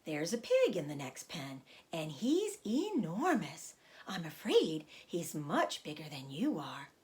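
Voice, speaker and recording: A woman voicing a wise, gentle female spider who speaks politely, measured and a little dry. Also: deep voice, huge pitch swings, pitched below the performer's own voice, heavily acted.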